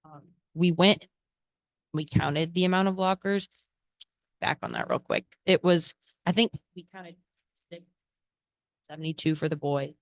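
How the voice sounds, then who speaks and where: A woman's voice: lowish voice, fairly even intonation, measured pace, long pauses, no room sound. A woman sharing data in a casual, hesitant way at a council meeting. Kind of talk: meeting report.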